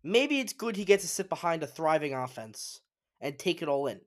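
A sports podcast host runs a solo talk show, his voice slightly high and sing-song at a moderate pace. He sounds congested and sniffly, and he delivers emphatic opinions while frequently restarting his sentences.

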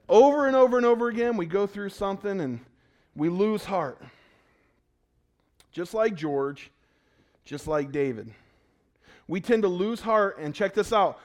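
A pastor preaches a sermon conversationally, his voice sitting high, as he asks his congregation questions. He swings between loud, urgent lines and hushed ones.

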